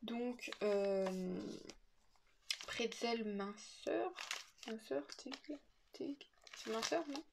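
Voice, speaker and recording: A woman's voice: on the high side, expressive, drawn-out words, gravelly, pauses often, noisy background. A woman casually unboxing a snack box on her vlog, hesitant and full of fillers as she reads the labels. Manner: hesitant, many "euh" fillers, unsure reading labels. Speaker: unboxing vlogger.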